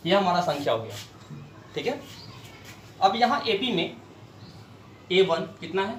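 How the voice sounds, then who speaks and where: A man's voice: high voice, very animated, a little slow. A man teaching a maths lesson, asking questions and answering them himself as he works problems on a board. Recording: echoey room, mic far off, faint noise.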